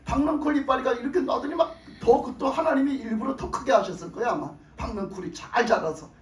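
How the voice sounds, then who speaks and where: A man preaching a sermon as a pastor, telling the story in an animated way and acting out the characters. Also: extremely high pitch, fairly quick. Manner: animated storytelling, acts out voices. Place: church hall. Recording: echoey church hall from a distance.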